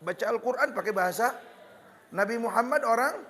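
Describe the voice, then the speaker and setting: A man with a Betawi accent preaching a lively, joking sermon, slipping into Betawi slang. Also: extremely high pitch, brisk, long reverb tail, background noise. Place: hall with religious gathering.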